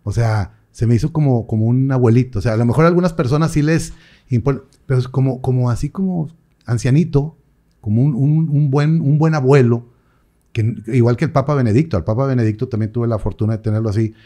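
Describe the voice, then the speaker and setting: A young adult priest chats casually in an interview. His voice is mellow and warm, pitched in a middle range, and he tells stories with lively quoted voices. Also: brisk. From Mexico. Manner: animated storyteller, acts out quoted voices.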